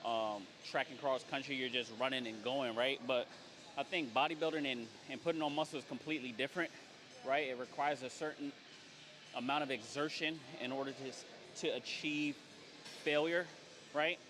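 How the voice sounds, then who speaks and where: A man coaching in a gym, explaining training in a relaxed way and often checking in with "right?". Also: mid-range voice, moderate pace. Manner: explanatory, keeps tagging "right?". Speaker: personal trainer. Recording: faint background music.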